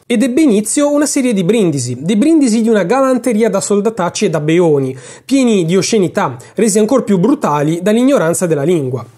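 A man's voice: sits high, big pitch swings, brisk, hardly any pauses, dark tone, slightly rough. A man reading a classic story aloud for his podcast, narrating expressively and dramatically. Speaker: podcast host and reader.

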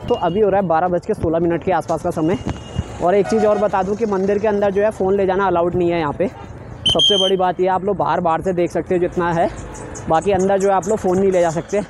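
A young man with a high voice chats casually through a travel vlog, his phone held at arm's length. Travel sickness has him slightly queasy as he rides mountain roads in a car and then visits a busy temple outdoors, treating his viewers as friends throughout.

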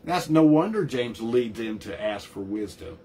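A man's voice: medium pitch, expressive, unhurried, warm tone, a little hiss or hum. Earnest male pastor preaching a sermon. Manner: earnest, emphatic preaching with frequent restarts and repeated words.

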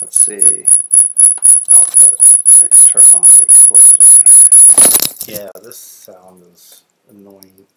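Here the livestream host has a deep, creaky voice with a level tone, speaking slowly and pausing often. He chats with viewers as he cooks breakfast and adjusts his audio settings. Recorded from a distance, he sounds echoey and cave-like, with faint noise underneath.

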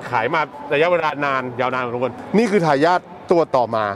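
A man, a car reviewer, explaining vehicle features quickly and casually at an expo, often repeating words. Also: mid-range voice, lively intonation, a bit bright, a little hiss or hum. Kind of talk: casual car show walkaround.

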